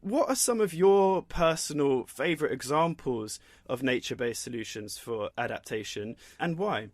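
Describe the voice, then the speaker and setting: A man's voice: mid-range voice, lively intonation, normal speed, no room sound, clean studio sound. A man co-hosting a podcast, asking curious conversational questions. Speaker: podcast co-host. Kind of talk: podcast interview.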